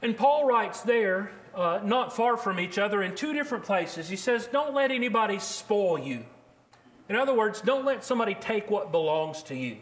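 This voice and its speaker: A man preaching a sermon, earnest and measured, slowing down to quote scripture. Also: high voice, a bit bright.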